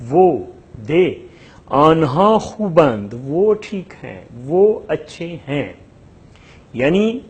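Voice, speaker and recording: A man teaching a language lesson, stretching out example sentences slowly and repeating each one with several translations. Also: medium pitch, darkish tone, slightly rough. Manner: slow, drawn-out modelling of example sentences.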